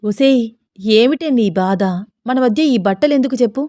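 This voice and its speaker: A woman's voice: fairly high pitch, normal speed, mellow, dry recording, studio quality, voice pushed up, lightly acted. A woman playing a teasing young husband.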